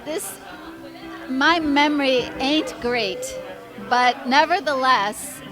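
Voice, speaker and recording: Female speaker at a live memorial event, slow rambling memories, audience and music audible. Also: on the high side. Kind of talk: reminiscing tribute speech.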